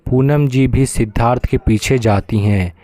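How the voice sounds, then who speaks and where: A man narrating a romance serial as a bedtime story with a steady, even delivery. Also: mid-range voice, a little slow, dry recording.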